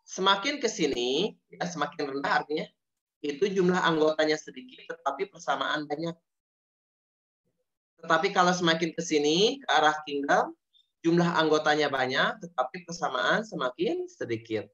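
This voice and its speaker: A man's voice: a little high, expressive, moderate pace, fairly bright tone. A male teacher leads an online science lesson. He drills the key terms again and again and keeps asking his students questions. The audio is dull and lo-fi, like a video call. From Indonesia.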